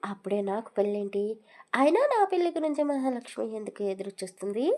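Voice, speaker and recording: A woman's voice: fairly high pitch, sing-song, fairly quick, warm tone. A woman voicing an educated young son in a storybook, reasoning with his parents and mildly irritated. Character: educated young man, impatient grown son.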